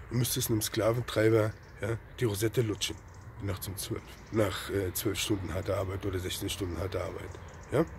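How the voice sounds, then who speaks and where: Fervent man preaching with rhetorical questions. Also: slight background noise. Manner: rhetorical questions with constant tag "ja?"; swings between loud outbursts and low murmurs. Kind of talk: impassioned religious rant.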